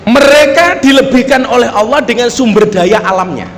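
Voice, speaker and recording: A man's voice: very high voice, animated, moderate pace, in a large hall. A man preaching a humorous sermon at a public gathering, telling jokey stories and often turning to address the audience directly. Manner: joking storyteller, often turning to the audience with "Pak". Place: public gathering with local officials.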